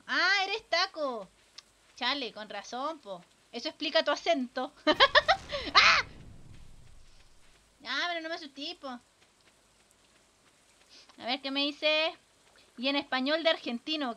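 Bright, high-voiced Chilean woman streamer. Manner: casual, swears a lot, chats with viewers. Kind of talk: live gameplay commentary.

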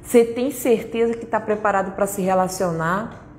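A woman's voice: mid-range voice, normal speed, a little mellow. A woman in her thirties with a Brazilian accent, giving a blunt, emphatic and repetitive motivational talk at a conference. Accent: Brazilian Portuguese. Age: 30s. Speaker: conference speaker. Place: conference hall. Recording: echoey hall, faint noise.

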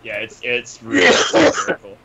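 A man chatting on a voice-chat stream, easygoing and quick to giggle. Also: medium pitch, wildly swooping pitch, heavy background noise. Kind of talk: casual voice-chat banter.

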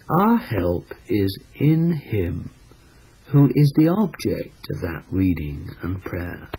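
Expressive man reading devotional text. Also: on the low side, slight background noise, poor audio. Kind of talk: scripted devotional book reading.

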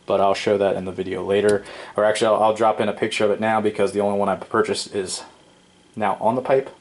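A DIY home repair presenter with a low, flat voice explains a repair quickly at a wooden workbench in an indoor workshop. The casual hands-on tutorial is relaxed and explanatory, dotted with frequent ums and self-corrections.

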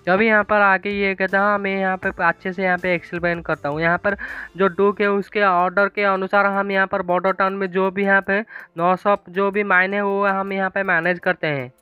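Male recap narrator, high and smooth, rambling filler-heavy delivery; dull lo-fi track with faint music. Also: flat delivery, brisk, no room sound. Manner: rambling, repeats filler phrases constantly. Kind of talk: casual storytelling recap.

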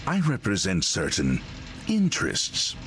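A suave, sinister game villain with condescending, theatrical delivery. His deep voice swings through a huge range and carries a gravelly edge. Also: wildly swooping pitch, unhurried, a bit bright, faint music behind, heavily acted. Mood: silky menace.

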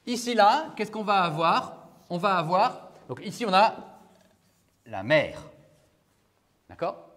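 A man's voice: high voice, big pitch swings, slow pace, long pauses, a bit bright. A man lecturing as a law professor, talking casually and asking his class questions. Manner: conversational, asks the class questions. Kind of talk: university lecture. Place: lecture hall. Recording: reverberant lecture hall.

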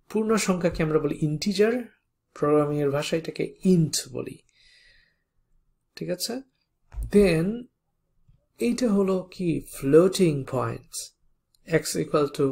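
A programming instructor teaching a coding lesson step by step, spelling out code slowly and often checking in with the viewer. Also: medium pitch, vocal fry, a little mellow. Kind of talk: coding tutorial lecture.

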